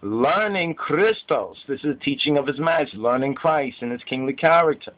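A man delivers a Rastafari Bible teaching in Rasta speech, with a medium-pitched voice. He repeats key phrases for emphasis and often checks in with a short questioning tag. The sound is narrow and tinny, like a phone line. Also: animated, moderate pace. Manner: emphatic repetition, checking in with "right?". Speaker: religious teacher.

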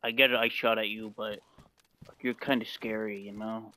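A man's voice: fairly low pitch, flat delivery, normal speed, bright, forceful tone. A man playing a survival game, chatting in voice chat in a joking, jumpy way and swearing casually. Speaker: gamer streamer.

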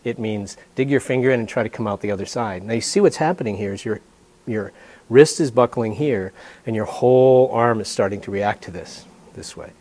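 A man's voice: on the low side, fairly quick, darkish tone. An older man in his sixties, a martial arts instructor, explaining a technique while demonstrating it on a partner in a dojo. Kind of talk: hands-on demonstration. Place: dojo indoors.

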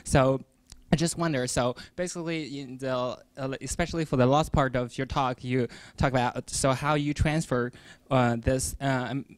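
A man's voice: medium pitch, fairly even intonation, smooth, no echo. A man in the audience asking a hesitant, wordy question after a lecture. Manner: halting, many fillers and restarts, searching for words. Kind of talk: conference Q&A question. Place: lecture hall.

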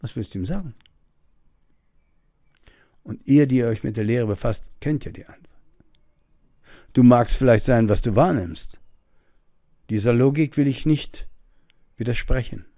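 Man with a gravelly, tinny, lo-fi voice. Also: medium pitch, a little slow, long pauses, dry recording. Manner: musing, acts out quoted voices, breathes audibly. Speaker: spiritual teacher. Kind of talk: spoken spiritual teaching. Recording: tinny phone-like audio, dry.

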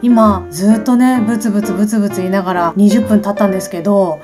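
A woman's voice: mid-range voice, steady tone, quick pace. A woman in her forties chatting casually in a beauty vlog, polite and flustered, laughing at herself often. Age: 40s. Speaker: beauty vlogger. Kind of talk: casual unboxing vlog chat. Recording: background music clearly audible.

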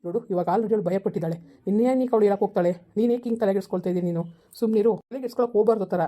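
A patient head of the house, voiced by a woman, soothing and scolding in an amateur family skit. He rattles off his words at great speed. His voice is dark and mellow. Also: medium pitch, rapid-fire, close to an everyday voice. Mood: calming. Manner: soothing, scolding, repeats "aayta?". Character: stern calm husband of the house. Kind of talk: amateur family drama acting.

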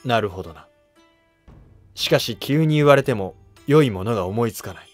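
An actor playing an earnest, dignified Japanese emperor with stately, archaic speech in a historical drama. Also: male voice, medium pitch, expressive, normal speed, no echo, faint music behind, natural voice. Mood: thoughtful.

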